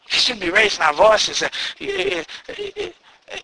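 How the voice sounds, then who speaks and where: A man preaching into a pulpit microphone, his voice pitched very high with a sharp, piercing brightness. He calls out to the congregation again and again and climbs to shouted peaks before settling into prayer. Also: huge pitch swings, moderate pace, creaky, poor audio. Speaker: pastor. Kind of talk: sermon then prayer.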